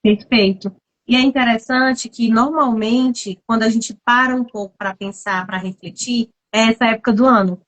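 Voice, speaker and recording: A Brazilian woman hosts a live interview in a slightly high voice. She affirms her guest with brief replies, then asks open, reflective questions. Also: moderate pace, poor audio. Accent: Brazilian Portuguese. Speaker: host.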